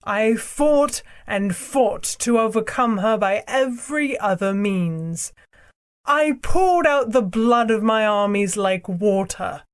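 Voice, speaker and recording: A woman voicing a proud, cruel ancient queen and sorceress in an audiobook, speaking in a slow, imperious, theatrical way. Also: medium pitch, clear, resonant tone, lightly acted. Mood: haughty. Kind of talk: audiobook character reading.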